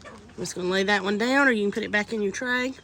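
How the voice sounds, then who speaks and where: With a quick, pushed, bright delivery at medium pitch, a cold-congested homesteading vlogger casually shows how to repot seedlings outdoors in the wind. She's homey and instructive, and faint outdoor wind can be heard.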